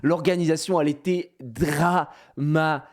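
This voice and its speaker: A man streams a casual storytime, animatedly retelling events with slang and plenty of laughter. His voice is fairly high and his pace a little slow.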